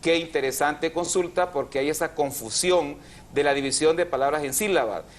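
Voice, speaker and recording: Slightly high-voiced male TV host. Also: slight background noise. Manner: explanatory, slow for syllables. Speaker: TV language program host. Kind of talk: didactic TV chat.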